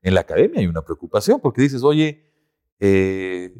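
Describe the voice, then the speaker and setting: Man, podcast guest, low voice, animated explainer. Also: rapid-fire, breathy edge. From Ecuador. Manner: animated explainer, lifts his voice to act out quotes. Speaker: guest expert. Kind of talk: casual podcast conversation.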